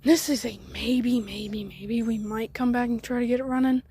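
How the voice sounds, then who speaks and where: In a casual walkaround vlog set outdoors in the woods by an old truck, a woman who hosts a garage channel chats and rambles, sometimes almost whispering. Her voice is a little high and steady, with a dark, slightly rough tone and a moderate pace.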